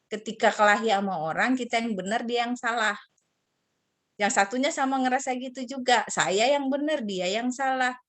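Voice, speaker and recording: A woman's voice: a little high, normal speed. A middle-aged woman giving a casual children's sermon over a video call, explaining forgiveness and now and then acting out squabbling kids and God in raised, playful voices.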